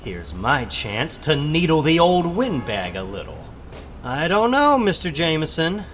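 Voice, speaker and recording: A man as Spider-Man, lively higher-pitched young hero. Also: unhurried, a little hiss or hum, exaggerated voice. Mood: sly. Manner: quippy, self-narrating, theatrical. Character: wisecracking teenage male superhero, cocky but hard-luck. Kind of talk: dramatic comic book reading.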